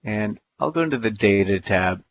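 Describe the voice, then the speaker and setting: A man giving a live software demonstration in a playful, folksy way, thinking aloud as he clicks through the steps. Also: fairly low pitch, expressive, moderate pace, dull audio, a little hiss or hum. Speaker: presenter. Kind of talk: live software demo talk.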